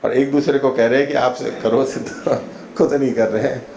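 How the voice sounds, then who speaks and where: A man teaching a scripture lecture, slowly reciting verses and then explaining them in plain talk. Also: medium pitch, fairly even intonation, warm tone. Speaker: teacher of Indian philosophy. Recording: echoey room, faint background noise.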